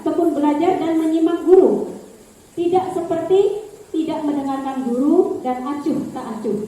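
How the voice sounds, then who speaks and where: A woman's voice: high voice, mellow. A woman teacher explaining classroom practice to colleagues, repeating key terms and addressing them as Bu. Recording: echoey room from far off.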